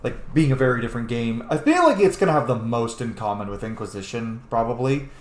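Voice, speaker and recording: The man hosting this gameplay session speaks a little fast at medium pitch, his voice swinging widely up and down. His commentary is casual, rambling, opinionated and sometimes profane, recorded in an echoey room with faint noise.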